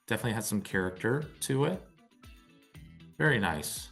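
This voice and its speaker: A man's voice: fairly low pitch, animated, normal speed, vocal fry, a bit bright. Man presenting a casual countdown over music. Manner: informal, repeats key phrases. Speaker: real estate video host. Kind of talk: top ten countdown presentation of neighborhoods.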